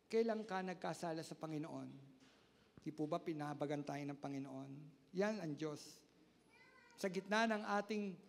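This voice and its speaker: A male pastor preaching an impassioned sermon, swinging between loud high outbursts and quiet low lines, mixing in English words. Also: in a large hall. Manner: mixes Filipino with English words.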